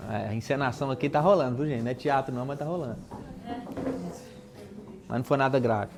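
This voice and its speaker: Brazilian male pastor, live sermon in church, chatty and animated storyteller. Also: mid-range voice, fast talker, background noise. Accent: Brazilian Portuguese. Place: church before a congregation.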